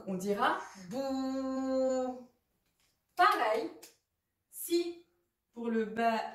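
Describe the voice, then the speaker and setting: Woman teacher, slow and patient, higher voice, echoey room from off-mic. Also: far from the mic. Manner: patient, repeats sounds slowly with examples. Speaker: Arabic reading teacher. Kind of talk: explaining lesson.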